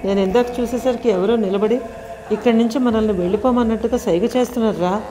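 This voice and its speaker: A woman's voice: on the high side, fast talker, background noise, voice pushed up, lightly acted. A woman voicing an anxious young man who questions and presses his friends in an audio story. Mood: urgent. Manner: urgent, questioning.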